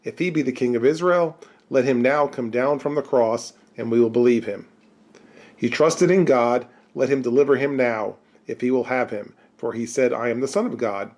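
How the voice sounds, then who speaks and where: A man's voice: medium pitch, moderate pace. Man reading scripture aloud. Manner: steady, formal reading. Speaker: scripture reader.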